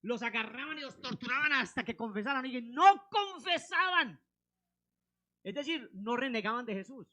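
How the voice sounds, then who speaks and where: A man delivers an impassioned sermon in a high, bright voice. He swings from quiet, low asides to loud, drawn-out declarations that hammer each point home. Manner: impassioned preaching, rising and dropping sharply, drawn-out emphasis. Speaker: preacher.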